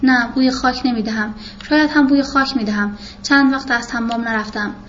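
A woman's voice: a little high, steady tone, fairly bright tone, dull audio, a little hiss or hum, natural voice. A woman voicing a tired, grieving young wife who speaks sadly through tears. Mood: sorrowful. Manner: tired, sorrowful, tearful.

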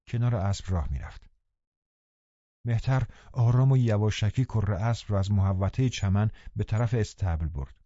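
A man reading a novel aloud as an audiobook narrator, calm and even in scripted narration. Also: lowish voice, no echo, lo-fi sound.

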